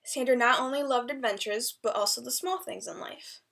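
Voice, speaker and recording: A woman delivering a prepared eulogy speech in an earnest, deliberate way, with an occasional stumble. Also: a little high, creaky, a bit bright. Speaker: eulogy speaker, friend of the deceased.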